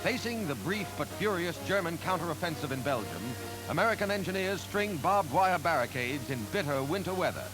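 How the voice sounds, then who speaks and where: A man's voice: on the high side, expressive, brisk, low-quality recording. A man narrating wartime footage in solemn, emphatic 1940s newsreel style, with old newsreel sound. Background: music.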